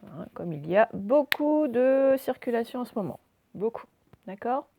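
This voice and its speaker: Patient teacher with a gravelly voice. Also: female voice, on the high side, animated, normal speed, mellow. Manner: patient, step-by-step explaining with frequent hesitations; spells out letters and addresses the children directly. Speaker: primary school teacher. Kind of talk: recorded reading and handwriting lesson for young children.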